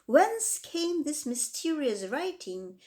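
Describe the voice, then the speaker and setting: A woman reading a children's book aloud with expressive, dramatic emphasis. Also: high voice, slow. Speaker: reader. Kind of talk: storybook read-aloud.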